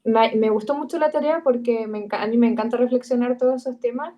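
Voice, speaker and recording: A woman's voice: fairly high pitch, fairly even intonation, quick pace, warm tone, muffled recording. A woman, an art student in an online class, speaking hesitantly with restarts as she asks her teacher for tips. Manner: hesitant, many restarts and fillers. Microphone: video call.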